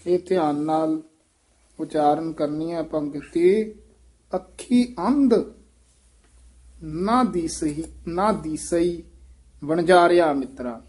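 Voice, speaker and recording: A man coaching scripture pronunciation, patiently repeating phrases slowly so they can be copied. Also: a little high, a little mellow. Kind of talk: line-by-line recitation coaching.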